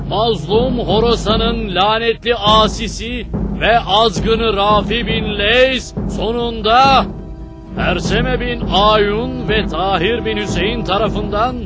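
An actor playing a town crier in a historical drama, calling out formal proclamations to the populace over music. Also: male voice, sits high. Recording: music behind the voice.

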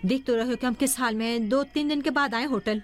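A woman's voice: high voice, soft background music, lightly acted. A woman playing a hurt, worried mother. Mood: weary. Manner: polite, hurt. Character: worried mother, a wife defending herself. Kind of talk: dubbed TV drama acting.

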